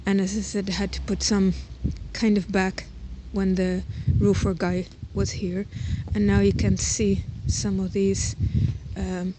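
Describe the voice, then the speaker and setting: Walking around her house and garden, the host shows off her own plot in an informal, unscripted tour, thinking aloud with some hesitation. She speaks in a mid-range voice with little pitch movement, at a measured pace with few pauses. A handheld camera or phone picks up noisy ambient sound outdoors.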